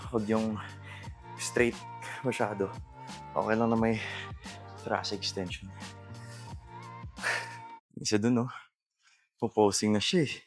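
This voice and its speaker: Filipino male gym vlogger, lowish voice, casual coaching with English terms, faint music underneath. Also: steady tone, a little slow, long pauses. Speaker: fitness vlogger coaching exercises. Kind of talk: casual workout talk mixing Tagalog and English gym terms. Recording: music behind the voice.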